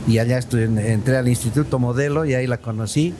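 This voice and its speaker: A man in his sixties from Bolivia tells stories as a podcast guest in an easy, rambling way. He repeats words and keeps calling the host brother. A clear hum of background noise sits under his mid-pitched voice. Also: quick pace. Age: 60s. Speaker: podcast guest, comedian and dental technician. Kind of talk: casual interview chat. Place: studio set with a round table, at night.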